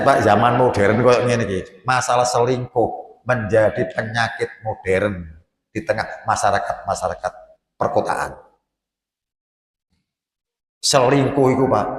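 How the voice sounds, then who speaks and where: A middle-aged man with an East Javanese accent preaching a Sunday morning mosque sermon, swinging between loud exhortation and quiet storytelling. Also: medium pitch, steady tone, measured pace, long pauses. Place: mosque hall. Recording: echoey hall recording.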